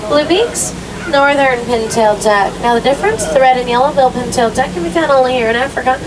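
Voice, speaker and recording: An American woman working as a tour guide narrates scripted animal facts, animated and brisk, from a moving open safari vehicle outdoors. Her voice comes through a distant vehicle loudspeaker in a very noisy recording, with loud vehicle rumble, ambience and a crowd behind her.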